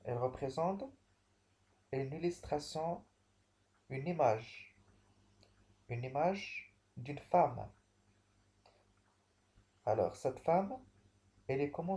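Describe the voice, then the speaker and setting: A man teaching a remote language lesson, explaining slowly and repeating himself, with frequent restarts. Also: a little high, mellow. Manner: slow, repetitive explaining with many restarts. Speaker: French teacher.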